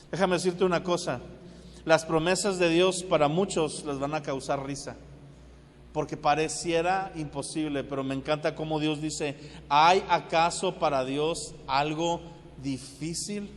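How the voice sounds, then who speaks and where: A man delivers a sermon in a conversational, storytelling way, often checking in with his listeners. His voice sits high for a man. The sound carries a long reverb, as from a large church hall. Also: a little hiss or hum. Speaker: pastor.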